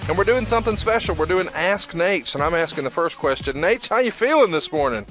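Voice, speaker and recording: A man's voice: high-pitched, animated, fairly quick, music in the background. An American man co-hosting a podcast, introducing the show and reading out listener questions in a conversational style. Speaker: podcast co-host.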